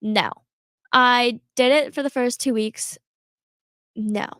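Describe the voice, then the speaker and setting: Chatty high-voiced teen girl. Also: steady tone, slow pace, fairly bright tone, dry recording, clean studio sound. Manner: chatty, full of "like" fillers, laughs often. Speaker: podcast co-host. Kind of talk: casual storytelling chat.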